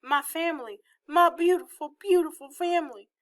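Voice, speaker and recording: Woman putting on a high-pitched feisty old Southern grandma. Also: animated, measured pace. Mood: tender, approving. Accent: Southern American. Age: elderly. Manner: folksy, scolding, loudly exclaiming. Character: feisty, bossy, affectionate old Southern grandmother, small and frail.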